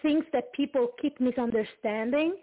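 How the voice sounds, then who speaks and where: Italian woman on a tinny call line. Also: sits high. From Italy. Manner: halting, many fillers and restarts, light laughs. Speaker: guest singer-songwriter. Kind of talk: casual interview chat. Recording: tinny phone-like call audio.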